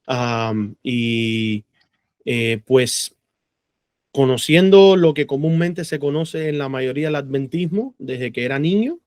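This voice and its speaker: A man's voice: medium pitch, takes it slowly, darkish tone, dry recording, studio quality. A man from Cuba giving his personal testimony as a guest on a video call, earnest and full of hesitant fillers. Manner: earnest, many "eh" fillers, laughs easily.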